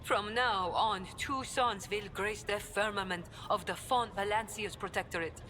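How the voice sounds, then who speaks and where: A woman's voice: medium pitch, unhurried, bright, forceful tone, slight background noise. An actress voicing an ornate, obsequious woman trade agent in a video game. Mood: flattering. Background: game music.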